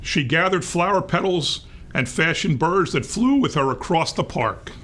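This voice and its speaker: A man reading a picture book aloud to young children in an expressive read-aloud manner. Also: fairly high pitch, moderate pace. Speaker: storybook reader.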